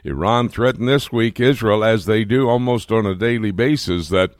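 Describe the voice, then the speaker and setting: Low-voiced male radio host, dry sound. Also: moderate pace, no echo. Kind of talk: radio talk show.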